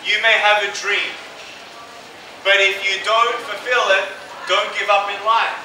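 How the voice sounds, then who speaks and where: A motivational speaker addressing students in a university lecture hall, telling stories and asking rhetorical questions. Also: male voice, sits high, measured pace. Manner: animated storytelling with rhetorical questions. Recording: echoey hall recorded from far off with noise.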